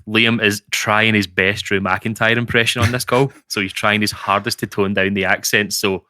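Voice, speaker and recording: Man, casual podcast co-host, lowish voice, flat intonation. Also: moderate pace, no echo, clean studio sound. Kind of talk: casual conversational interviewing.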